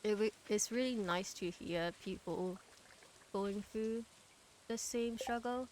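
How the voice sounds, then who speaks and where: A woman livestreamer talks casually to her chat in a rambling stream of thought. She takes her time, restarting and trailing off often, in a medium-pitched voice. There is faint noise behind her. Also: takes it slowly, a little mellow. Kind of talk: casual chatty game livestream, talking to chat.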